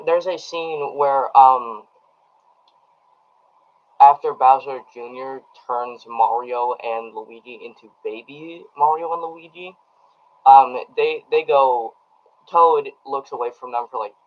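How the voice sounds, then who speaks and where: Man, casual live-stream movie review, rambling with ums, talks to chat, middle pitch, dull lo-fi audio. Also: slow pace. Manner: rambling, many ums and restarts.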